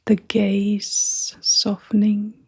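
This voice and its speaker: A woman's soft, half-whispered, breathy voice leads a guided meditation. It sits in the mid range and stays monotone, with gentle, unhurried phrasing.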